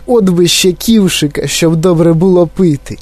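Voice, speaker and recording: A man's voice: high-pitched, normal speed, a little mellow, dry recording, voice pushed up, natural voice. A man doing a greedy gluttonous boy.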